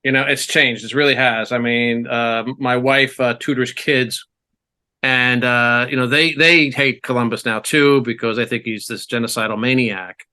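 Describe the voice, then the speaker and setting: A man's voice: mid-range voice, steady tone, moderate pace, bright, forceful tone. A middle-aged man hosting an interview, talking conversationally with plenty of fillers. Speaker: interview host.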